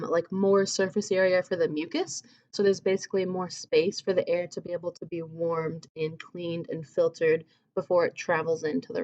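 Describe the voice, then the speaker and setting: Mellow-voiced woman teaching anatomy. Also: on the low side. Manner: casual, chatty explaining with fillers like "um" and "like". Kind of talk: recorded classroom lecture. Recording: slightly dull lo-fi audio.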